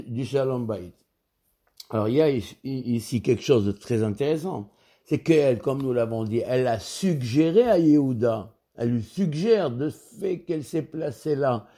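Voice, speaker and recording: A man with a fairly high but mellow, warm voice teaches a scripture lesson. He speaks in a measured, explanatory way, circling back and repeating key words as he builds each point. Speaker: Torah teacher. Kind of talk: religious text lesson.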